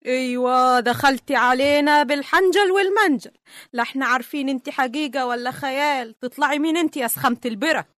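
A woman playing a sharp-tongued young granddaughter with an Egyptian accent. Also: high-pitched, steady tone, fast talker, few pauses, no room sound, studio quality. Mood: accusing. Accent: Egyptian Arabic.

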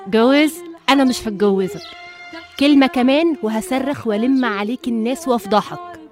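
A woman with an Egyptian accent playing a proud young painter, firm and indignant, over soft music. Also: fairly high pitch, a little fast, lightly acted. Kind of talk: radio drama acting.

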